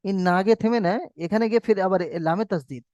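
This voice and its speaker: A man's voice: high-pitched, quick pace, darkish tone, no room sound, clean studio sound. A man teaching Quran reading in a recorded online lesson, patiently drilling rules over and over and drawing out his recited examples.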